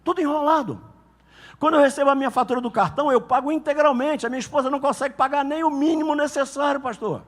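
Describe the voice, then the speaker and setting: A man preaching a sermon as a pastor, telling animated stories and acting out couples' quarrels. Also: extremely high pitch, quick pace, long reverb tail.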